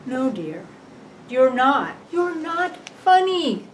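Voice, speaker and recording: Lady acting as a blunt older wife, high voice that swings all over, slow and dry. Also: sing-song, exaggerated voice, rough recording. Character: wry long-married wife, blunt and teasing. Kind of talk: film drama acting.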